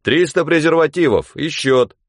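A man reading aloud and voicing a brash, bearded Siberian show-off who talks loudly and boisterously. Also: a little high, lively intonation, normal speed, no echo, studio quality, pitched above the performer's own voice. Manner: loud, boisterous, shouting.

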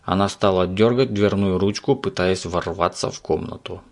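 A man reads a children's story aloud with lively storytelling. His voice is low with a gravelly grain. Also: normal speed. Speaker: narrator.

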